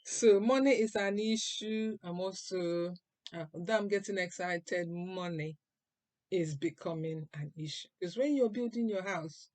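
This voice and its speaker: Slow, chatty older woman vlogging. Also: medium pitch, darkish tone, dry recording. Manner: chatty, unhurried, with frequent pauses and fillers. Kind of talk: casual vlog talk to camera.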